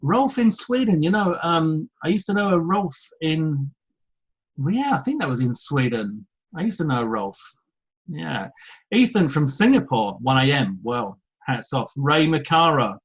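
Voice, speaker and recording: Husky-voiced English man hosting a webinar. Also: fairly high pitch, animated, poor audio. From England. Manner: chatty, reads out attendee names with quick asides. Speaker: webinar host. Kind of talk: casual live webinar welcome. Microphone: headphones with mic.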